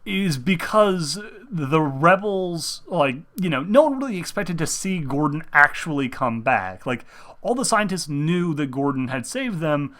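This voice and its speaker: A young man who is sick and speaking through pain rambles casually about video game movies, meandering with lots of fillers and restarts. His voice is a little high and fairly bright, very animated but at a measured pace.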